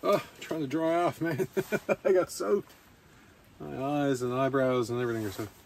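A man with a mid-range, creaky voice rambles casually to camera at a moderate pace while narrating his camping vlog. He's outdoors at a rainy campsite, with faint outdoor ambience in the background.

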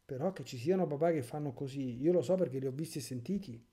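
A man's voice: mid-range voice, fast talker, warm tone. A man, a priest, giving a catechesis sermon in an impassioned, rhetorical way with sarcastic asides.

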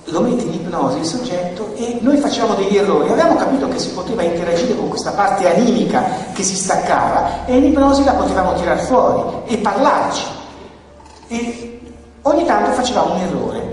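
A man's voice: sits high, a little fast. A man giving a blunt, colloquial conference talk, acting out little dialogues as he explains. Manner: animated, blunt, acts out dialogues. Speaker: conference speaker. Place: conference hall. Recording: echoey hall, distant mic, faint noise.

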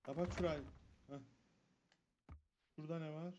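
A man's voice: on the high side, steady tone, moderate pace, darkish tone. A man commenting on a horror game as he plays, jumpy and swearing, muttering prayers under his breath when scared. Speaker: gaming streamer. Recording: dull lo-fi mic with faint noise.

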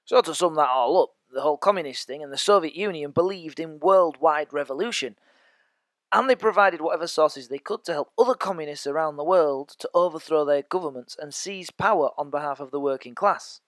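A man's voice: on the high side, fairly quick, a bit bright, no room sound. A man teaching a history lesson as a podcast, chatty and joking with his listeners. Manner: chatty, jokey asides to listeners. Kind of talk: educational podcast lecture.

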